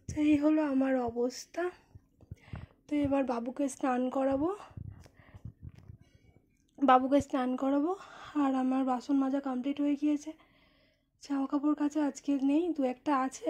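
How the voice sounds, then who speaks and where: A woman narrating a casual home vlog into her phone, chatty and repetitive, her voice a little hoarse from the heat. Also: high voice, steady tone, normal speed, long pauses, a little mellow, dry recording. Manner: chatty, repeats herself, many fillers. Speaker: vlogger. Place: home, indoors and on a veranda. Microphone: phone camera.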